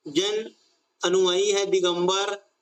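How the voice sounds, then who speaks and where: Male exam-prep tutor, high voice, slow deliberate delivery, keeps quizzing the class and repeating answers. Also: flat delivery, clean tone. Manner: drills students with repeated questions and "theek hai"; slow, stretched key phrases. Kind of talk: online current-affairs class.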